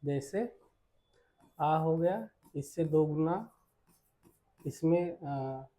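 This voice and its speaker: A male teacher works through exam questions at a very slow, deliberate pace. His voice sits a little high but sounds dark and mellow. He poses each question twice, answers it himself, and checks in often with "theek hai.". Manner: slow and repetitive, asks then answers his own questions; frequent "ठीक है" check-ins. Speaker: Hindi teacher. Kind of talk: exam-prep lesson, solving multiple-choice questions.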